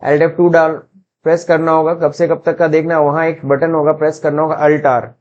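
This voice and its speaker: Indian-accented male tutor, fairly high voice, dull lo-fi screen recording, quizzes the class and answers himself. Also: little pitch movement, moderate pace, a little mellow. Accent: Indian English. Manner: mixes Hindi and English, asks and answers his own questions. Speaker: accounting software teacher.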